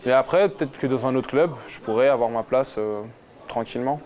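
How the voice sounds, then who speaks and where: A man's voice: mid-range voice, a little fast, a little mellow. A man in his twenties, a football player, answering interview questions casually and hesitantly, with many fillers and restarts. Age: 20s. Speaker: footballer guest.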